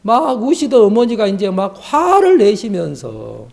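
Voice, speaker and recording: Animated preaching man, emotional testimony. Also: high voice, a little slow, vocal fry. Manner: emotional storytelling, acts out quoted dialogue. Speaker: missionary preacher. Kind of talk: sermon with personal testimony.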